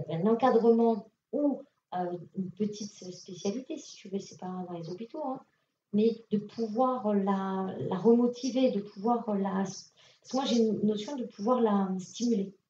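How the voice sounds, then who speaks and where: A woman's voice: mid-range voice, a little slow, warm tone, slight background noise. A woman medium giving casual, direct readings to an audience at a conference, speaking with many fillers. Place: conference hall. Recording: echoey hall, distant lo-fi mic.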